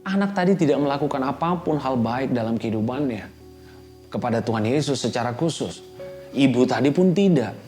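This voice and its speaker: A man's voice: mid-range voice, expressive, brisk, mellow, faint music behind. A man with an Indonesian accent preaching a fervent sermon as a pastor, slipping English words into his talk. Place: church hall.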